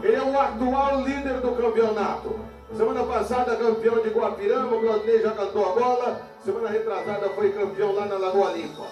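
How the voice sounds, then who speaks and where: An excited Brazilian man commentates on rodeo in a very high, raised voice. It is heard from a distance with echo and faint music underneath. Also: fairly quick. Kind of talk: live sports commentary. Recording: distant echoey television sound, faint music.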